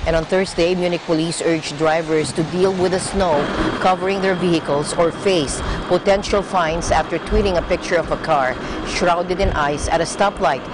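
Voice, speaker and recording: News anchor reading over clear background noise. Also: medium pitch, fairly even intonation, normal speed, hardly any pauses. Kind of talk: scripted news narration.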